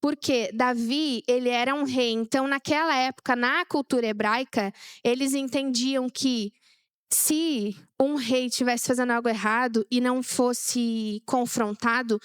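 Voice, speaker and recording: A woman's voice: a little high, steady tone, unhurried, clear, resonant tone, dry recording, clean studio sound. A young woman preaching a sermon, chatty and sharing personal stories with the congregation.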